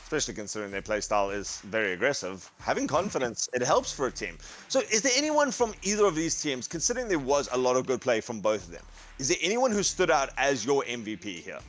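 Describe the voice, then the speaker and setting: A man's voice: medium pitch, sing-song, quick pace, a bit bright, soft background music. A man hosting an esports broadcast, asking questions in an upbeat conversational way. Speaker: esports caster and interviewer. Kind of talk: esports desk chat.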